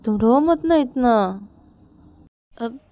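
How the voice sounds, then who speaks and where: A woman's voice: on the low side, steady tone, unhurried, creaky, mellow. A woman voicing a caring young man who soothes and coaxes his crying partner, repeating reassurances. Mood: soothing. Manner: soothing, repetitive coaxing.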